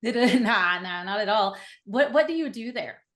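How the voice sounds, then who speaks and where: A woman's voice: mid-range voice, animated, normal speed, a bit bright. Woman, early forties, from Oklahoma, podcast host, enthusiastic, chatty, casual. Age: 40s.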